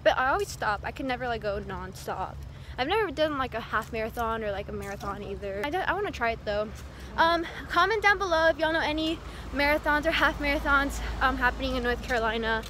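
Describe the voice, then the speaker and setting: A woman's voice: high-pitched, expressive, quick pace, bright, forceful tone, slight background noise. A young woman vlog host chatting casually as she jogs outdoors, holding the phone at arm's length. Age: young adult. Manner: talking while jogging outdoors. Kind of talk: casual chat. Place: outdoors on suburban roads and paths.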